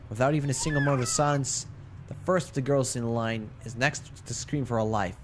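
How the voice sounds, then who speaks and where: A man's voice: medium pitch, fairly even intonation, a little fast, background noise. A man streaming a horror game, reading its text aloud in a dramatic first-person voice with wry asides.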